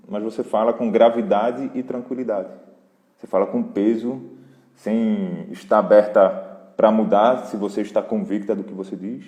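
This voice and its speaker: A man with a Brazilian accent, hosting a live parenting Q&A in a relaxed, conversational way and talking straight to his viewers. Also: on the low side. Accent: Brazilian Portuguese. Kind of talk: casual live Q&A talk. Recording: roomy hall echo.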